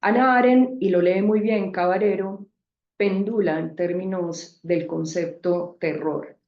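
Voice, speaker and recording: A woman speaker answering a question in an academic seminar, measured and explanatory. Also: mid-range voice, fairly even intonation. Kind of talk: academic reply in a debate. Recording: echoey room, dull sound.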